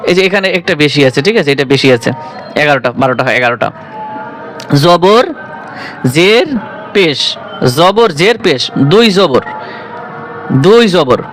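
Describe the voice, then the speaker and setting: Bangladeshi Bengali male Quran teacher, high voice, drills by question and answer. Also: a bit bright. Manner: asks questions and answers them himself, repeating for students; slows down and drags out example syllables. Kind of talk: Quran reading lesson.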